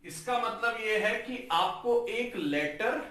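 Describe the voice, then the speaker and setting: A man's voice: high voice, expressive, pushed and bright. Guy teaching english at a board, stretches out syllables, really echoey room, mic kinda far. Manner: breaks words into slow, drawn-out syllables, addresses viewers as guys. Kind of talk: classroom-style lesson on a whiteboard.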